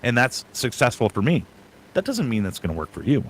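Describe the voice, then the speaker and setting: A man's voice: mid-range voice, very animated, a little fast, slight background noise, rough recording. Chatty man giving streaming advice. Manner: thinks out loud, talks in long run-on advice. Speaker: guest streamer. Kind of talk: casual panel chat.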